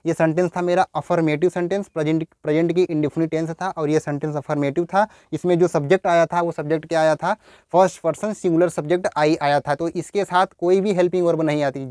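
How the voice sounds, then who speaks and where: A man's voice: on the high side, darkish tone, clean tone, no echo, studio quality. A man teaching English grammar in Hindi, repeating words and asking his students rhetorical questions. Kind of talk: Hindi-language grammar lesson.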